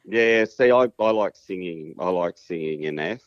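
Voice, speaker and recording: An Australian man with a low voice talks casually as an interview guest. He rambles and hesitates, modest about himself. The recording sounds slightly dull and muffled. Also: animated, moderate pace, dry recording. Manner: hesitant, rambling, self-deprecating. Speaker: interview guest, musician and singer.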